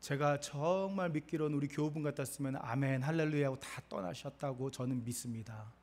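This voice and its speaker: A man's voice: medium pitch, a little fast, a little mellow. A male pastor preaching a sermon, asking the congregation questions and acting out God's lines.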